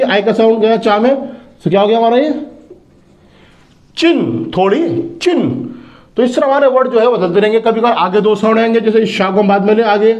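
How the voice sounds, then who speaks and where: High-voiced man teaching phonics. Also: darkish tone. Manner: repeats words slowly, asks and answers his own questions. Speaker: English teacher. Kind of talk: phonics lesson.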